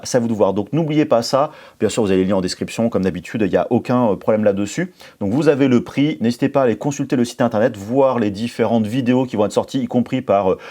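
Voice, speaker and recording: Casual host, male, mid-pitched, thinking aloud with lots of "euh" as he reviews a CNC machine. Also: dark tone. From France. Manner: hesitant, many fillers and restarts. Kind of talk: casual product review talk.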